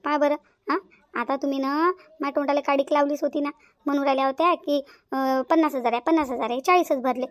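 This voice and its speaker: A woman's voice: sits high, fairly even intonation, dry recording, lightly acted. A woman voicing a scheming young daughter-in-law in a cartoon, patronizing and bossy. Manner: patronizing, fast-talking. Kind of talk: cartoon voice acting.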